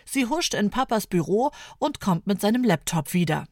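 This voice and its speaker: A woman narrating a children's story in a clear, storytelling manner. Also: medium pitch, big pitch swings, moderate pace, a little mellow, no room sound, studio quality.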